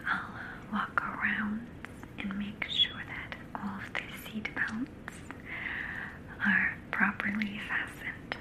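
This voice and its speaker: A woman speaks almost entirely in a soft whisper, playing a flight attendant for an ASMR roleplay. She talks very slowly and keeps pausing to gently check in. Her pitch sits in the ordinary middle for a woman. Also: level tone, low-quality recording.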